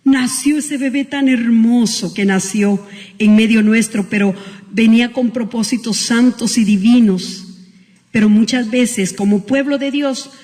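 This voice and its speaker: A woman's voice: fairly high pitch, measured pace, a little mellow. A woman pastor preaching a Christmas sermon, telling a story with emotion and frequent restarts. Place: school hall used as church. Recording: long hall reverb.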